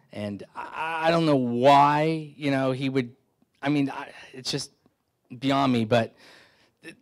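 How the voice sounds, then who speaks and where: A middle-aged man from the San Francisco Bay Area gives a keynote talk, telling stories with self-deprecating humor. He speaks into a handheld microphone in an indoor meeting hall. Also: mid-range voice. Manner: conversational storytelling, self-deprecating humor, many restarts. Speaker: keynote speaker, FBI agent. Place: indoor meeting hall, standing before an audience.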